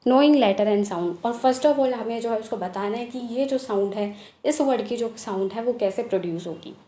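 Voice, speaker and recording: गूंजते कमरे में नोट्स समझाती महिला. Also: female voice, fairly high pitch, warm tone, echoey room, slight background noise. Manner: explains in Hindi, reads English terms slowly. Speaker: teacher explaining exam notes. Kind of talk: study lesson explaining from notes.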